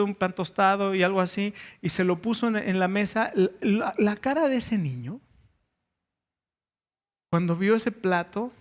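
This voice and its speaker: A man preaching a sermon as pastor, telling stories with frequent hesitations and restarts. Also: sits high.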